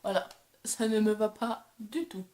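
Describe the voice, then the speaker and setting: A woman's voice: mid-range voice, measured pace, darkish tone, echoey room. A young woman vlogger chatting casually and self-deprecatingly while testing makeup. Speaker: beauty vlogger. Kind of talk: casual chat.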